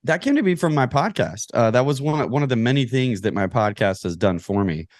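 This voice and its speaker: A Kentucky man, an American real estate investor, guests on a podcast and answers questions in an orderly, conversational way. His mid-range voice is a little mellow, with lively intonation and a slightly fast pace, in a dry, studio-quality recording.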